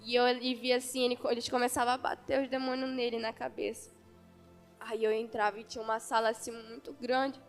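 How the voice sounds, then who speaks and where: High-voiced Brazilian woman testifying in a church hall. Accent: Amazonas Brazilian Portuguese. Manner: earnest storytelling, quoting the angel and herself in dialogue. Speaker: church member giving testimony. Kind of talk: testimony of a vision in a church service.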